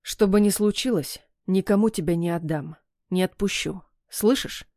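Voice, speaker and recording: A woman reading an audiobook, voicing a brooding, possessive young fiancé with a husky, rumbling tone and curt, insistent delivery. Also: moderate pace, darkish tone, no room sound, clean studio sound, natural voice.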